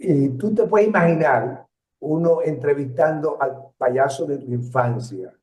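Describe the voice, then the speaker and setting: A man in his seventies with a Puerto Rican Spanish accent, telling stories in an interview, reflective and halting with many fillers and restarts. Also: on the high side, expressive, a little mellow. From Puerto Rico. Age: 70s. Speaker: interviewee, retired journalist. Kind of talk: storytelling interview. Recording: roomy, distant, dull lo-fi sound.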